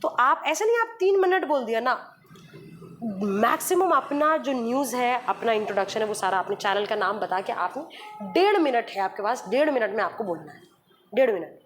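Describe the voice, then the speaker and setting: A woman's voice: a little high, expressive, normal speed, fairly bright tone, faint music behind. A woman radio jockey being interviewed, explaining patiently with examples and slipping in English phrases. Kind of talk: podcast interview conversation.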